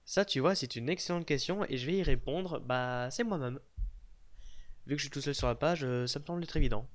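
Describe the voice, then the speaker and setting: A man's voice: fairly high pitch, a little fast. A young man casually answering fan questions in a voice-over, joking and teasing with mock-serious asides. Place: unseen voice-over.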